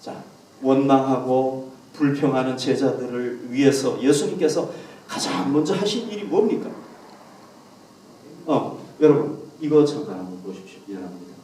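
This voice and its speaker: A male pastor preaching a lively sermon to his congregation and acting out quoted lines with a rising voice, recorded at a distance in a church hall. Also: mid-range voice, normal speed.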